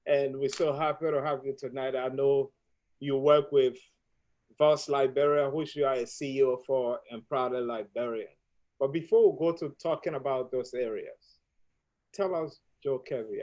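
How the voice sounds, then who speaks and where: A man's voice: mid-range voice, a little mellow, highs cut off. A man hosting a live-streamed family talk show, introducing his guest formally and asking long, winding questions. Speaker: host.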